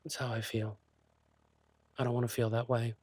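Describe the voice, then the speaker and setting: A man playing an insecure, lovesick thief boyfriend in a romantic audio role-play, speaking haltingly and tenderly. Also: mid-range voice, little pitch movement, darkish tone, slightly rough, no echo, close to an everyday voice. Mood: insecure, downcast. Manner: hesitant, halting, sighing delivery.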